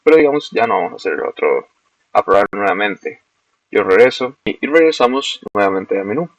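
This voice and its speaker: Gravelly young man. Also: lowish voice, lively intonation, fairly quick, no echo. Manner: explains step by step, self-corrects. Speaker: student presenting a project. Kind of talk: screen-recorded software demo. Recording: dull, lo-fi dry recording.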